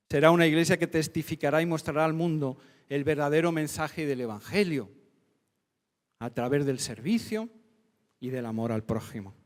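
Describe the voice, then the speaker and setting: Spanish pastor guy preaching, fairly high voice, lots of reverb in the church hall. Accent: Spain Spanish. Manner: fervent preaching with rising emphatic lists. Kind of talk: sermon.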